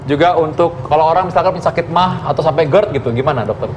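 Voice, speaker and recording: Fast-talking, high-pitched male co-host. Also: darkish tone, slight background noise. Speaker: TV health show co-host. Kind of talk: chatty questioning of an expert.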